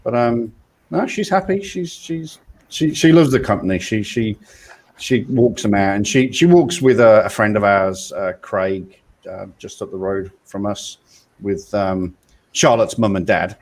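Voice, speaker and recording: A man's voice: on the low side, unhurried. A man hosting a casual after-show chat, rambling and hesitant, with many fillers and restarts. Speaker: host.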